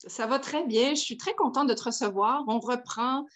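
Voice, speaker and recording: Host: woman, slightly high voice, welcoming, a few fillers. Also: moderate pace, fairly bright tone. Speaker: podcast host. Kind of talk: interview host.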